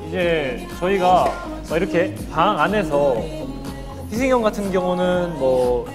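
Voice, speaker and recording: A man's voice: sits high, expressive, unhurried, over music. A young man chatting casually with his bandmates on a studio set. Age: young adult. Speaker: group member on a live show. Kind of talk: casual group chat. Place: studio set styled as a locker room.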